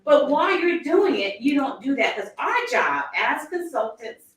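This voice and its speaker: Woman, team leader, animated motivational talk; fairly high voice, roomy and distant sound. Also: moderate pace. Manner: animated, acts out quoted thoughts, laughs often.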